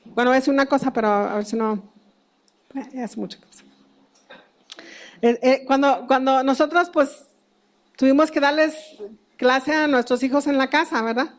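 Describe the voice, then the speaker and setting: A middle-aged woman with a high voice teaches the Bible in a relaxed, conversational way. She keeps putting questions to her listeners and laughs lightly at her own family stories. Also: moderate pace, long pauses.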